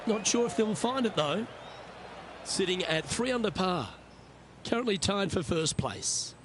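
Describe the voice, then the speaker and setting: A man playing a composed, courteous TV golf anchor, calling play as a golf commentator with measured, polished delivery in a video game. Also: high-pitched, animated, noisy background. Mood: composed, approving.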